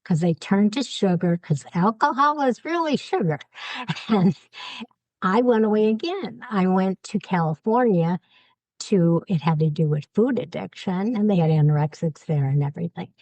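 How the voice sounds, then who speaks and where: A woman's voice: medium pitch, normal speed, dry recording, highs cut off. A woman guest telling her recovery story openly and acting out the dialogue she quotes. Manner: lively, acts out quoted dialogue. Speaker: podcast guest. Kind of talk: candid personal storytelling.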